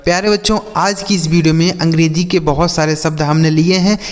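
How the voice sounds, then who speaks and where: A man's voice: on the high side, steady tone, fairly quick, long reverb tail. A man teaching children to read, patiently asking questions and answering them himself. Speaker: English teacher. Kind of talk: YouTube reading lesson for children.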